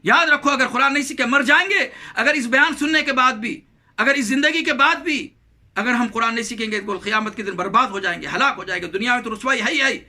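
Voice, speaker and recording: High, bright-voiced scolding preacher man. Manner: scolding, exhorting, repeats phrases for emphasis; recites Quranic verses slowly and melodically. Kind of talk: Ramadan sermon.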